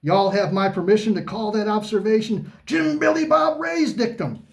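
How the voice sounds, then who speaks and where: A man's voice: high voice, moderate pace, gravelly, pitched above the performer's own voice. A man voicing a brash, boastful pro-wrestler persona who talks in showy wrestling trash talk while co-hosting a book chat. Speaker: co-host.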